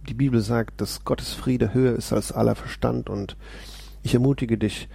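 A man's voice: medium pitch, steady tone, moderate pace, creaky, mellow, breathy edge, no echo. A man hosting a devotional video, reading a psalm and eagerly encouraging the viewers as he goes. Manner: enthusiastic, exclaims often, speaks straight to viewers. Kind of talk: casual devotional talk with Bible reading.

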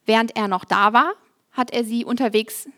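A woman preaching a sermon in a lively, humorous, conversational way. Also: fairly high pitch, normal speed.

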